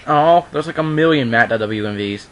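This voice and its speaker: A young online video maker reads a horror story aloud at home as an informal amateur dramatic performance. Speaking at a normal speed in an animated, mid-range voice, he keeps breaking off into casual, offhand asides.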